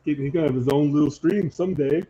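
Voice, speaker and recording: A man's voice: a little high, fast talker, warm tone, breathy edge. A man co-hosting a livestream, teasing in casual banter, and sounding muffled and distant, as if he were inside a box. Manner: teasing, playful. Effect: muffled, boxy sound, as if inside a box. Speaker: co-host. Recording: dull muffled lo-fi mic, slightly distant.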